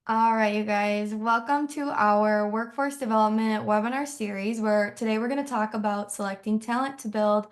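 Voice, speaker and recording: A woman hosting a webinar on a video call, introducing the speaker in a friendly, brisk way. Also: on the high side. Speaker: webinar host.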